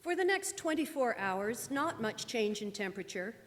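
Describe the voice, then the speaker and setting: A woman's voice: a little high, sing-song, moderate pace. A woman playing a formal, matter-of-fact radio announcer reading a report in a live 1930s-style radio drama. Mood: formal, neutral. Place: church, live performance. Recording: reverberant hall, faint noise.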